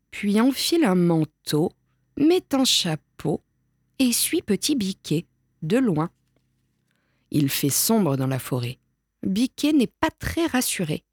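A woman reading a children's picture book aloud, slow and expressive, recorded close and dry. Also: fairly low pitch, breathy edge, dry recording. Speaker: storyteller.

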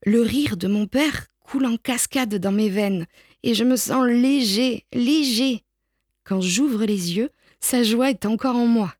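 A woman reading a children's picture book aloud in a slow, gentle storytelling manner. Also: mid-range voice, no room sound, studio quality. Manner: slow, gentle storytelling with lifted voices for the brother. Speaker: storybook reader.

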